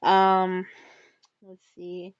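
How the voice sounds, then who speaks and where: A woman's voice: lowish voice, completely flat delivery, very slow, smooth, no echo, lo-fi sound. A woman hosting her own channel, talking casually and frankly to her viewers and swearing freely. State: coughing and hiccuping. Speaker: channel host. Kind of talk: casual solo commentary.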